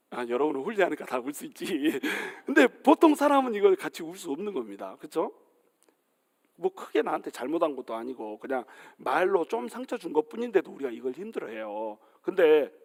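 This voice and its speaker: A man with a fairly high voice preaches a sermon in a church hall with a long reverb. He tells funny stories and acts out their characters, now and then asking the congregation direct questions. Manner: humorous storytelling, acting out quoted voices, asking the congregation questions. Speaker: pastor.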